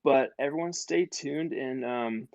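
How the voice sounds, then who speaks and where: A man's voice: medium pitch, a little slow, creaky, darkish tone, no echo. A man hosting a live online audio panel, hesitant and friendly, with many fillers. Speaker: host. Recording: dull online audio-room stream.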